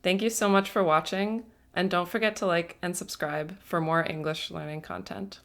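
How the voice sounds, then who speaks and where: A woman teaching an English grammar lesson, speaking patiently and deliberately and stressing each word. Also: fairly low pitch, fairly even intonation, vocal fry. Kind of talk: slow, careful grammar lesson.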